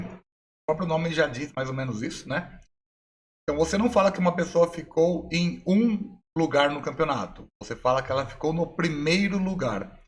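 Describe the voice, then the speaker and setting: A young adult man with a Brazilian Portuguese accent, teaching an online English lesson and explaining slowly and patiently with repeated examples. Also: on the high side.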